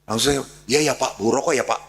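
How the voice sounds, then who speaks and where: Gravelly priest telling a story. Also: male voice, medium pitch, quick pace, a little hiss or hum. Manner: animated storyteller, acts out dialogue. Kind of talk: storytelling sermon.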